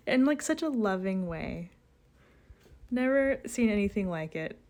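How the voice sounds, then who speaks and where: A woman's voice: medium pitch, expressive, slow pace, darkish tone. A young woman, chatting casually and giggling with her live-stream chat. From United States.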